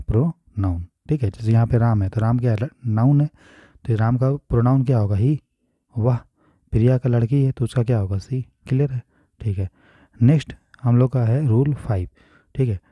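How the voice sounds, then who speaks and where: A man's voice: mid-range voice, no room sound, dull audio. An Indian man teaching an exam-prep grammar lesson, explaining step by step and often checking if students follow.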